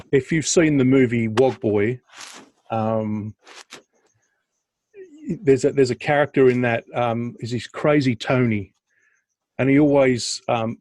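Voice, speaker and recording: A man's voice: mid-range voice, slow, long pauses, a little mellow, no echo. A man, co-hosting a podcast in a casual chat over a video call. He tells stories in a chatty, self-deprecating way and laughs often. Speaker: podcast co-host.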